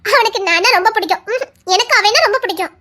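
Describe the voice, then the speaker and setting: A woman's voice: extremely high pitch, quick pace, sharp tone. An actress voicing a frightened but defiant young woman in an audio drama, who stammers and pleads with nervous laughter. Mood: chatty. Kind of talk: Tamil audio drama acting.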